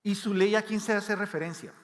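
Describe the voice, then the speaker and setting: A man's voice: high-pitched, fairly even intonation, brisk. A man from Latin America preaching a sermon in a church hall, talking conversationally and asking the congregation questions. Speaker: pastor. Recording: long hall reverb.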